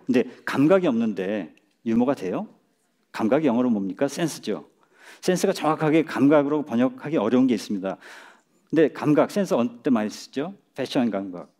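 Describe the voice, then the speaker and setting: A middle-aged man giving a public lecture on a stage, speaking in a measured way and chuckling at his own jokes. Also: mid-range voice, mellow. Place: lecture stage before an audience.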